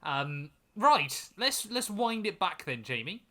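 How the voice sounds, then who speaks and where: A man's voice: high voice, big pitch swings, slow, bright, forceful tone. A young man co-hosting a casual motorsport podcast, chatty and self-mocking. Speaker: podcast co-host. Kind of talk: casual chat.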